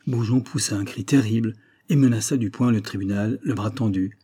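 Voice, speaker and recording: A man reading a classic novel aloud in measured, even scripted narration. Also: fairly low pitch, slightly rough. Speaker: audiobook reader.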